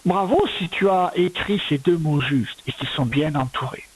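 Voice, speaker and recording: A primary school teacher with a low-pitched, slightly rough voice patiently helps a young child spell in a recorded reading lesson. She dictates slowly, sounding out one syllable at a time, step by step, and the recording is rough.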